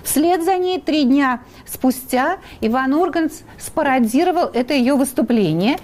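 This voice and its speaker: A woman hosting a talk show, setting up a clip and questioning her guest in a measured, deliberate way. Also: high-pitched, lively intonation, a little mellow. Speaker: host. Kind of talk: studio talk show moderating.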